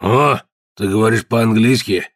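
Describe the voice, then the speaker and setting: A man voicing a huge, hairy, brutish cave man with a hoarse, bullying voice in an audiobook. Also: on the low side, unhurried, no room sound, studio quality. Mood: suspicious. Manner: barking, bullying. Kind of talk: audiobook character voice.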